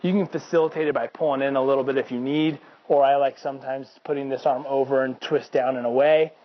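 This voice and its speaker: A man's voice: mid-range voice, fairly even intonation, quick pace, highs cut off. A man coaching viewers through banded shoulder stretches, explaining casually while he demonstrates. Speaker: fitness coach. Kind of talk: instructional demonstration.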